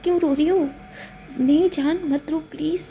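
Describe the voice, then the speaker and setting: Girl doing a soft sweet young wife, coaxing her partner, high mellow voice. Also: fairly even intonation, moderate pace, slight background noise, low-quality recording. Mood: soothing. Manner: soothing, coaxing. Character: tender reassuring young woman, loving wife.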